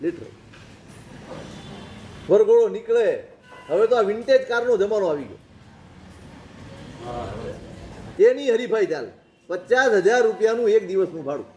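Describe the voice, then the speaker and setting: A man preaches a sermon in a notably high voice, working through anecdotes and pointed rhetorical questions. His voice rings with the echo of a reverberant room. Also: big pitch swings, normal speed, long pauses, a little mellow, muffled recording, a little hiss or hum. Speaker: Jain monk preacher. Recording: roomy echoing recording.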